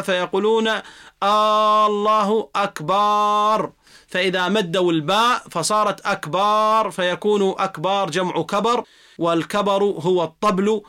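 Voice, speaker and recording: A man delivers a religious lecture at a brisk clip, his voice sitting high for a man. He explains earnestly and methodically, filling pauses with long "aah" sounds, and his tone is bright and forceful. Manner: earnest, didactic, frequent drawn-out "aah" fillers. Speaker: Islamic religious teacher.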